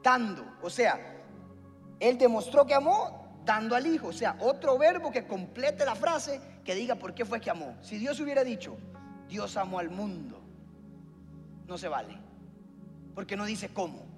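A pastor preaching with a very high, lively voice that rises and falls. He keeps turning to the congregation with questions. His voice rings in a large hall with long reverb, and faint music plays behind him. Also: normal speed. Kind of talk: sermon. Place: church hall.

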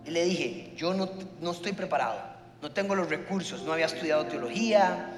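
A pastor preaching a sermon, telling a story and acting out the dialogue. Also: male voice, on the high side, expressive, a little fast, echoey room, big-room sound, music in the background.

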